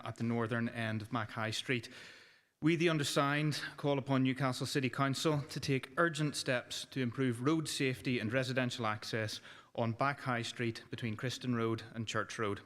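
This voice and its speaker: A man's voice: mid-range voice, fairly bright tone. A male city councillor reading a residents' petition aloud in a formal way, with a few small stumbles. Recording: council chamber with long reverb.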